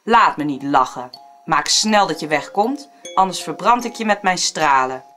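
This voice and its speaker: Woman doing a proud threatening sun, lower voice, lively swings, storybook reading. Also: normal speed, faint music behind. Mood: scornful. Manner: threatening, mocking. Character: haughty, scornful blazing sun.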